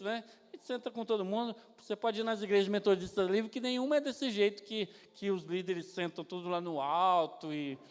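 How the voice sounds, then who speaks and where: A man with a Brazilian Portuguese accent, preaching a storytelling sermon in a church and then leading a prayer. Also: extremely high pitch. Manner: lively storyteller who acts out voices. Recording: long reverb of a church hall.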